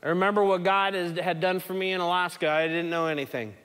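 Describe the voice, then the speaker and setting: Pastor, male, earnest storyteller, slightly high voice, reverberant hall. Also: fairly even intonation, fast talker, a bit bright, clear, resonant tone. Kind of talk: sermon.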